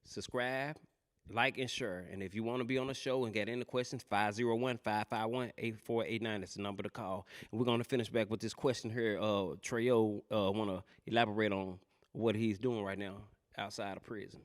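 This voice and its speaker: A man hosting a casual talk show, telling stories loudly and with animation, in heavy Southern slang. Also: fairly low pitch, fairly even intonation, a little fast. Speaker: host.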